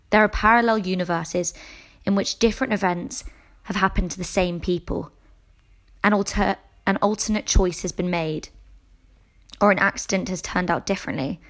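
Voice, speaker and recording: A woman reading a novel aloud in the first person, in a steady, measured way. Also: on the low side. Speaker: audiobook reader.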